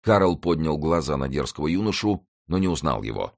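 A man with an extremely deep voice narrates an adventure novel. His reading is steady and measured, carrying the story evenly from line to line. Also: vocal fry. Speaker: audiobook narrator. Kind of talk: scripted narration.

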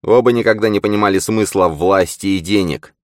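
A man's voice: low-pitched, fairly quick, darkish tone, no room sound, clean studio sound, pitched above the performer's own voice, close to an everyday voice. A man voicing a hissing, treacherous spy villain. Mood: mocking. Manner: hissing, menacing threats. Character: treacherous male spy, cold and mocking.

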